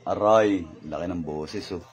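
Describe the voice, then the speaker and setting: A man's voice: low-pitched, measured pace, dull audio. A man acting as faith healer in a spirit healing session, commanding one moment and teasing and laughing the next.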